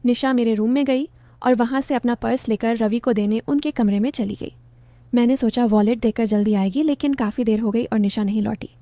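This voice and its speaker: A woman narrating a romantic family story in the first person, calm and even. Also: fairly high pitch, brisk, no echo.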